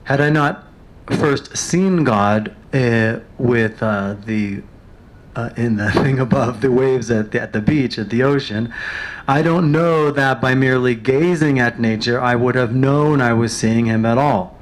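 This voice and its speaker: A man reading passages aloud and retelling them in his own words, pausing with fillers, his throat a little dry. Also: mid-range voice. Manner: reads quoted passages, then paraphrases with pauses and fillers. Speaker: reader of a biography.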